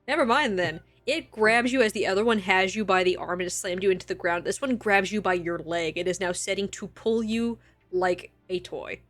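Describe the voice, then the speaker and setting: A woman's voice: medium pitch, normal speed, fairly bright tone, faint music behind. A woman acting as game master, narrating a tabletop game in a casual way with easy laughs between rules calls.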